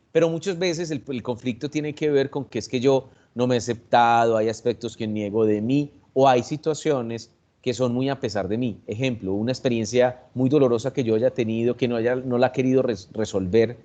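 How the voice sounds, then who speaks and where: Colombian man, psychologist guest, thoughtful, unhurried explainer, mid-range voice. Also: medium pitch, a little mellow. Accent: Colombian Spanish. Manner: reflective, measured, with pauses and restarts. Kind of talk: explanatory talk on anxiety. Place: online video session.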